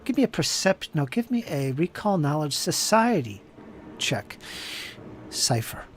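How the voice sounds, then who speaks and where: A man running a tabletop game as game master, narrating scenes in a deliberate, descriptive way with a shifting pace. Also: on the high side, very animated, a little hiss or hum.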